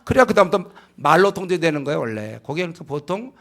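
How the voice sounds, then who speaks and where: A male pastor delivers a practical sermon to his congregation. His voice sits a little high for a man and has a gravelly edge. He is emphatic and keeps putting rhetorical questions to his listeners. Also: big pitch swings, fast talker, a bit bright. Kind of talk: sermon lecture on child-rearing.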